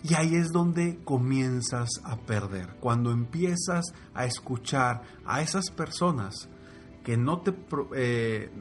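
A man telling a motivational fable in a lively, repetitive way, going soft and low for the lesson. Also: slow pace, soft background music. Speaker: motivational storyteller. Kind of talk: motivational storytelling.

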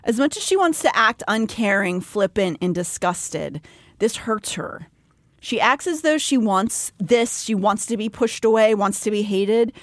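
A woman's voice: medium pitch, expressive, measured pace, dry recording, clean studio sound. Wry woman recapping a novel. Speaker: podcast co-host. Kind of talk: casual book podcast chat and recap.

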